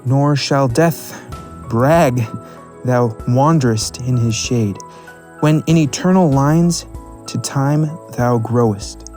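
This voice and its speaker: Slow, mellow young man reciting verse. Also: medium pitch, soft background music. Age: young adult. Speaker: student drama performer. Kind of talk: Shakespeare sonnet recitation.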